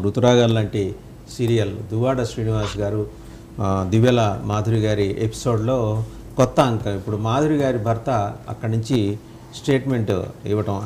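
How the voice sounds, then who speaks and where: A man's voice: lowish voice, a little mellow, a little hiss or hum. A man anchoring a live TV panel debate, putting pointed, rising questions to his guests. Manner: questioning, rising emphatic queries.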